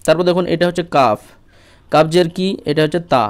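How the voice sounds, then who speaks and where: Male Quran tutor, crisp and resonant, a bit high-pitched, drills letters patiently. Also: a little fast. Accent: Bengali. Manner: patient, repeats letters and asks "ঠিক আছে?" often. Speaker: Quran reading teacher. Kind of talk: step-by-step recitation lesson.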